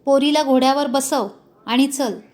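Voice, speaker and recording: Fierce bandit chief read by a woman, barks orders slow and high, storybook. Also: steady tone, darkish tone. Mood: commanding. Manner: barking orders and threats. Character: fierce male outlaw chief, commanding, menacing.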